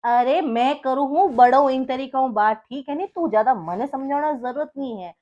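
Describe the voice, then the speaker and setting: Comic skit: a woman doing a rude, bossy Marwari husband, high voice, sneering questions. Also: moderate pace, highs cut off, lightly acted. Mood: domineering. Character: angry young husband, harsh, domineering.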